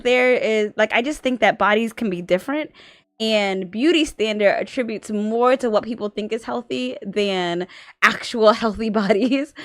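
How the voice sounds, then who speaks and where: Sleepy and yawning at times, this twenty-something woman rambles with plenty of fillers while chatting casually as a guest on her husband's art stream. Her voice is a little high and fairly bright, recorded at studio quality without echo.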